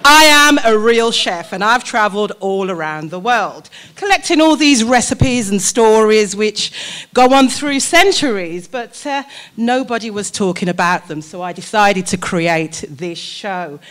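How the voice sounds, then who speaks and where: A woman chef and performer pitching her show at an arts conference in a playful, theatrical way, with laughter. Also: lively intonation, unhurried, a bit bright.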